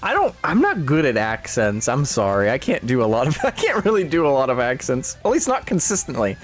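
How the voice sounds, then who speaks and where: A man's voice: mid-range voice, huge pitch swings, fairly quick, faint music behind. Playful male streamer reading a game. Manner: playful, self-deprecating, laughs often. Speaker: streamer playing a story game. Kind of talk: reading game dialogue aloud with commentary.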